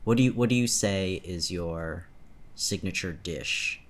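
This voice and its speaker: Laid-back guy on a podcast, really deep voice, bit of noise behind. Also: a little slow. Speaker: podcast co-host. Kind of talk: casual chat.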